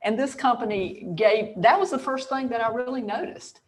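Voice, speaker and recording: A woman in her sixties, a real estate agent on a panel, shares a personal story about her career, candid and emphatic, laughing between points. Her voice is a little high and moves at a moderate pace.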